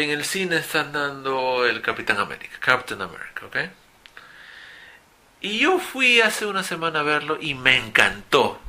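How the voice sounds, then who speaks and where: A man's voice: mid-range voice, sharp tone. A man teaching an English grammar lesson, explaining and repeating example phrases.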